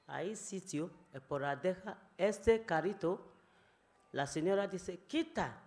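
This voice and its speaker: Slow, halting woman in broken Spanish. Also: lowish voice, darkish tone. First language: not Spanish. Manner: halting, learner's Spanish with many fillers; emotional, pleading. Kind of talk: personal testimony.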